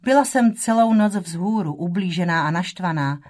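A woman's voice: lowish voice, expressive, darkish tone. A woman voicing a wry, proud mother who speaks earnestly to her grown daughter in an audiobook.

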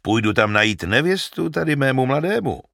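Loud, eager old shepherd in a storybook, read by a man, lively voice, gravelly edge, dry sound. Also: mid-range voice, no room sound, pitched above the performer's own voice. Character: excitable old male shepherd, talkative. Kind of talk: audiobook character reading.

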